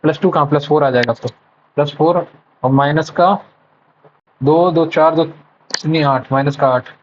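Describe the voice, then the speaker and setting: An exam prep tutor solves a live mock test, thinking aloud through math problems, muttering numbers, correcting himself and mixing in English terms. His voice is fairly high and moderately paced, with slight background noise and a dull lo-fi sound.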